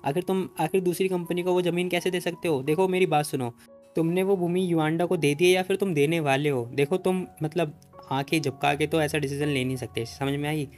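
A man's voice: fairly high pitch, a little fast, faint music behind, natural voice. A man voicing a dramatic young male friend who mocks and wails in an over-the-top way. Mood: indignant whining. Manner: over-the-top, wailing, mocking.

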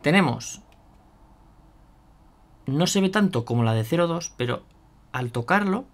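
A man's voice: on the high side, expressive, unhurried, creaky. A man chatting casually through a hands-on product demo, thinking aloud with fillers and asides to viewers. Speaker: miniature painting youtuber.

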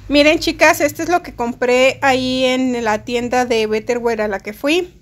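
A woman's voice: high voice, steady tone, normal speed, roomy sound. Chatty Mexican woman vlogging. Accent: Mexican Spanish. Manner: chatty, talks straight to her viewers. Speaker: vlogger and homemaker. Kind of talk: casual chat to camera. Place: home kitchen indoors, later outdoors at a park.

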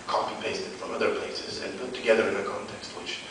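A man, a poet giving a live poetry reading, declaiming loudly and brashly with crude, deadpan punchlines. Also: on the low side, a little fast, background noise. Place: festival venue in front of an audience. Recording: very echoey hall, voice picked up from far off.

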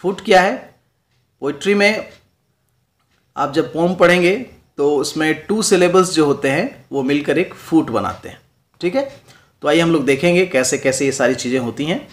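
A man's voice: fairly high pitch, normal speed. Hindi-speaking male teacher explaining poetry. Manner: mixes English terms into explanations, checks in with "right?". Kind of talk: classroom lecture.

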